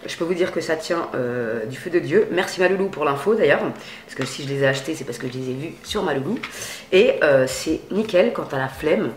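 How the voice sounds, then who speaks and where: A woman vlogging a clothing haul in a chatty, slangy way, swearing freely and swinging between loud and quiet. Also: low-pitched, expressive, fairly quick, roomy sound, a little hiss or hum. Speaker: beauty and fashion vlogger. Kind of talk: casual haul vlog.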